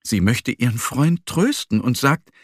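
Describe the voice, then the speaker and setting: Slow, husky male storyteller. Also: medium pitch, dry recording, studio quality. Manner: gentle, expressive storytelling. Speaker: narrator. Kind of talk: children's story reading.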